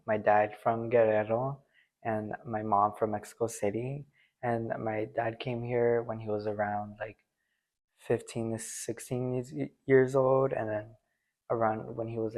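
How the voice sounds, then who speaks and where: A man's voice: fairly low pitch, darkish tone. A young man from Chicago interviewed for a documentary, speaking plainly with some hesitation. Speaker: student interviewee.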